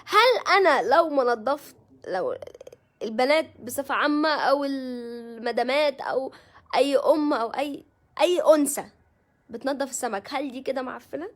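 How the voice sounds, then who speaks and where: A woman's voice: sits high, expressive, moderate pace. An Egyptian woman hosting a casual live stream, chatting with viewers and greeting them by name. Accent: Egyptian Arabic.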